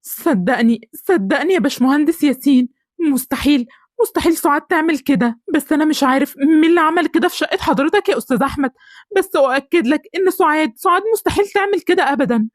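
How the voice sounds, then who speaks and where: A woman's voice: high-pitched, lively intonation, fast talker, dry recording, studio quality, voice pushed up. A woman with an Egyptian accent voicing a meek older man who pleads that his wife is innocent. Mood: pleading.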